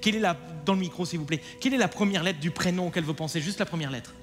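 A man performs as a mentalist in a live theatre with long reverb, coaxing and directing a volunteer in a theatrical, commanding way. His voice is high and very fast, heard over music.

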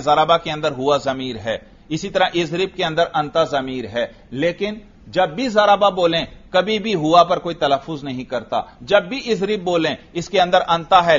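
A man with a Pakistani Urdu accent lectures his class on grammar in a fairly high voice. He explains each point patiently, putting questions to the students and answering them himself. The recording is muffled and lo-fi. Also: fairly bright tone. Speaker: teacher.

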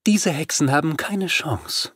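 A man's voice: on the high side, unhurried, fairly bright tone, breathy edge, dry recording, pitched above the performer's own voice. Vampire queen, cold and mocking, voiced by a man in a raised voice for an audiobook; dry, close sound. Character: scornful female vampire queen, cold and self-assured.

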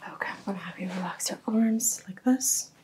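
A woman doing a whispered role-play as a security inspector, giving polite, procedural instructions in a soft, breathy whisper. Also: mid-range voice, brisk. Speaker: ASMR performer playing a security inspector. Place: small carpeted room indoors.

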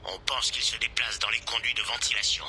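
A man's voice: fairly low pitch, little pitch movement, a little fast, bright, forceful tone. A man playing an uneasy mercenary in a sci-fi video game, reporting in a subdued, grumbling way. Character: uneasy male mercenary reporting to harsh boss. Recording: noisy in-game audio.

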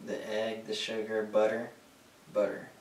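A young man with a somewhat low voice calls out recipe steps and teases his friend a little. He is recorded from a camera across an echoey kitchen, with noise in the background. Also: monotone, unhurried, recorded from a distance. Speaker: cooking helper. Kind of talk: casual chat, reading recipe steps. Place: home kitchen.

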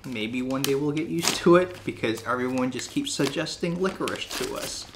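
A man's voice: mid-range voice, moderate pace, noisy background. A man co-hosting a snack taste-test video in casual chat, joking and laughing often. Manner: playful, laughs often, jokey.

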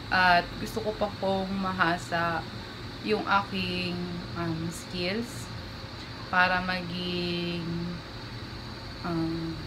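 A young woman from the Philippines filming a prank vlog at home, giggling and then switching to slow, mock-formal speech. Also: on the low side, background noise. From Bulacan, Philippines. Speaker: vlogger.

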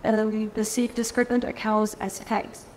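A woman's voice: a little high, level tone, normal speed, darkish tone, slight background noise. A woman from Germany presenting a research framework at a lectern in a large conference hall, careful and often restarting her phrases. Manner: careful, with frequent restarts and fillers. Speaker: keynote speaker. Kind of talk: conference keynote lecture. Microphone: lectern microphone. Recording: reverberant hall, faint ambience.

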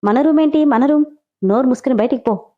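A woman's voice: expressive, quick pace. A woman playing a furious defiant young woman. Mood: indignant. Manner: indignant, raised and higher. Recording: dull lo-fi recording.

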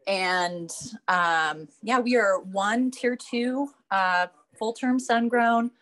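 Woman at mid pitch, friendly and chatty, introducing herself on a video call. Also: takes it slowly, fairly bright tone. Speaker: farm co-owner. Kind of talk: casual online meeting.

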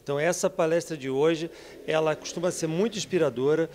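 A Brazilian entrepreneur in his fifties giving an energetic, persuasive interview in an office, speaking into a handheld mic. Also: a little high, fairly quick, slight background noise. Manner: energetic, persuasive, frequent tag questions. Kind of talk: interview answers. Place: office with bookshelves, indoors.

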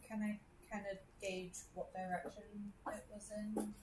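A woman's voice: mid-range voice, little pitch movement, a little slow, a little mellow. A woman chatting casually as a player in a tabletop game. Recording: roomy echo, clear background noise.

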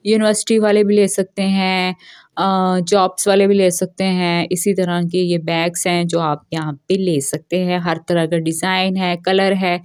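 A young shopping vlogger walks through the aisles of an indoor mall with her phone camera, chatting casually, joking and laughing often between remarks. Her fairly low voice is level, unhurried, a little mellow, clear and resonant, with clean studio sound and no echo.

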